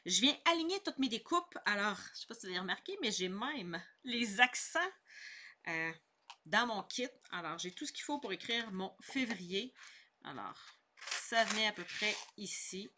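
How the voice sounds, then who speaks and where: Bright, chatty Québécois craft teacher. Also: female voice, medium pitch, lively intonation, normal speed. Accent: Québécois French. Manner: chatty, upbeat, explains each step. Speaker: scrapbooking instructor. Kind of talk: casual craft tutorial.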